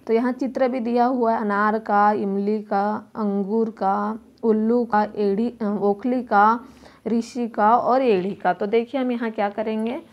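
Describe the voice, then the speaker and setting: Lady teacher going real slow over letters for little kids, kinda muffled lo-fi audio. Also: a little high, fairly even intonation. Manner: slow, patient, sounds out each letter aloud. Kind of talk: primary school lesson walkthrough.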